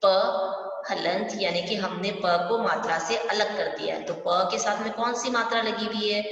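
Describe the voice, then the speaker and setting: A woman's voice: mid-range voice, normal speed, fairly bright tone, recorded from a distance. A woman teacher leads a primary school language lesson, patiently working through each point and asking questions along the way. She sounds set back from the microphone in a very echoey room with a long tail of reverb, and the sound is somewhat dull. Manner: patient, explains step by step with frequent questions to pupils. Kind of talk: online class lesson.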